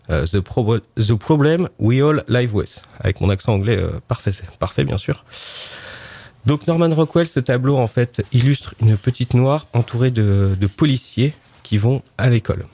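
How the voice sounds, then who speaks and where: A man's voice: fairly low pitch, mellow, dry recording. A man presenting book picks on a casual book show, chatty and hesitant with many fillers.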